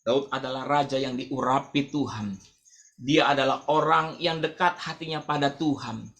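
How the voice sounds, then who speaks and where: A man preaching a sermon as pastor of a church, dramatic and swinging between loud calls and quiet asides. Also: mid-range voice, normal speed. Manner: acts out the blind man's cry.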